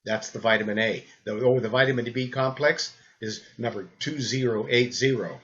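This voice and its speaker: An older man with a rambling, halting delivery who repeats words as he talks through supplements, recorded as old camcorder audio. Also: mid-range voice, a bit bright, muffled recording. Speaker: health supplement presenter. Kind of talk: rambling spoken talk.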